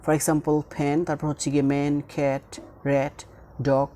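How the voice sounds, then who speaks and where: A man's voice: fairly high pitch, completely flat delivery, normal speed, mellow. A man teaching English grammar in a YouTube lesson, repeating each rule and mixing with English.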